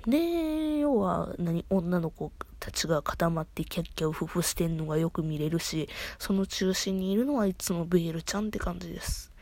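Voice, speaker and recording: A woman with a Kansai accent chatting excitedly on her solo podcast, often restarting her sentences. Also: fairly low pitch, normal speed, few pauses. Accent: Kansai Japanese. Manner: chatty, excitable fan talk full of restarts. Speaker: podcast host. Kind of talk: casual solo podcast chat.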